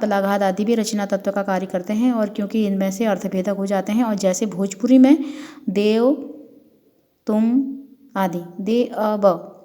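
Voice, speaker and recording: A woman's voice: mid-range voice, dark tone. Woman professor lecturing in a reverberant hall. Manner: methodical, listing numbered points and examples. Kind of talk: academic lecture.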